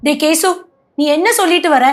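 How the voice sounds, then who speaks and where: A woman's voice: very high voice, a little fast, soft background music. An actress playing a coaxing, worried female relative in a TV sitcom. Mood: pleading. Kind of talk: TV sitcom acting.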